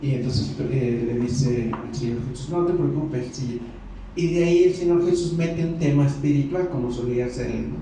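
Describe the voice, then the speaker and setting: Mexican pastor preaching in an echoey hall. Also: male voice, mid-range voice, normal speed, slight background noise. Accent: Mexican Spanish. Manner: animated storytelling, acting out the characters' lines. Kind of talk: sermon. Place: church hall. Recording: echoey hall, mic far off.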